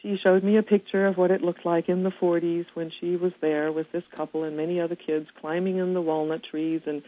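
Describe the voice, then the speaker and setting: Woman, from Germany, restaurant owner, husky voice, phone-line sound. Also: fairly low pitch, flat delivery, fairly quick, few pauses. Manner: warm storytelling with frequent laughs. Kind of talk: radio interview. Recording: phone-like line with radio ambience.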